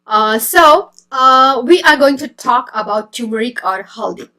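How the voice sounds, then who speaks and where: A woman's voice: on the high side, lively intonation, measured pace, bright, forceful tone. A woman from India, hosting a casual healthy-eating live stream, chatty and hesitant with many fillers and restarts. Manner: greets viewers and reads comments as she goes.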